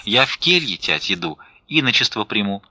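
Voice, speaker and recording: A man's voice: fairly low pitch, sing-song, bright, forceful tone, no echo, heavily acted. A man reading an audiobook, voicing a young daughter who pleads and then refuses firmly. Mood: defiant. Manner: pleading, then firm and measured.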